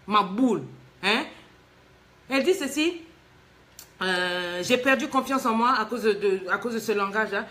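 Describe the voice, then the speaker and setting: A woman life coach giving animated, teasing advice in a live talk, reading a listener's letter aloud and answering with emphatic rhetorical questions. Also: fairly high pitch.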